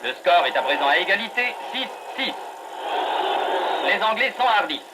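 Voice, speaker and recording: A man giving brisk, emphatic old newsreel commentary on an old film soundtrack. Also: high voice, very animated, very noisy. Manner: brisk, emphatic announcer delivery.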